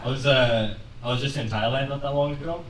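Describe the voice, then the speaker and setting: A young man doing a conversational, deadpan stand-up set on a comedy club stage, laughing lightly at his own lines. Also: mid-range voice, a little fast, a little hiss or hum. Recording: roomy club sound from a distance, with audience laughter. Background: audience laughing.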